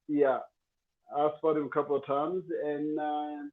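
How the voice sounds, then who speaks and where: A man's voice: a little high, flat delivery. Guy on a choppy video call, sounds tinny and thin, keeps repeating himself. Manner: halting, repeats words. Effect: bad video call connection, cutting in and out. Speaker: boxer guest. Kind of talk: remote interview.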